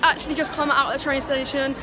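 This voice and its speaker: A British woman chatting straight into a handheld camera, gushing and repeating herself with excitement. Her voice sits a touch high. Steady noise runs under the recording. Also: quick pace, crowd noise. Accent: British English. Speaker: vlogger. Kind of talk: casual vlog to camera. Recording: noisy handheld vlog audio.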